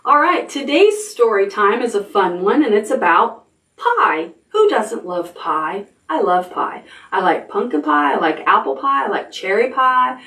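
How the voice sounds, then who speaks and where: A woman's voice: mid-range voice, big pitch swings, unhurried, sharp tone. A woman hosting a preschool storytime, talking as if reading to a toddler, with simple questions and praise. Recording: roomy sound, distant mic.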